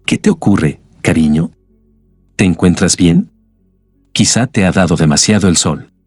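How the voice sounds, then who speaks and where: A man's voice: deep voice, unhurried, darkish tone, breathy edge, no echo, faint music behind. Man voicing a solicitous wealthy husband. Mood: concerned. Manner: concerned, solicitous. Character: wealthy husband, fussing over his wife.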